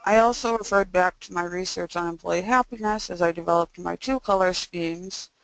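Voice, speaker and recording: A woman's voice: lowish voice, normal speed, no room sound. A young woman giving an informal class presentation, her speech constricted and muffled as if her jaw were wired shut. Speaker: student presenting design coursework.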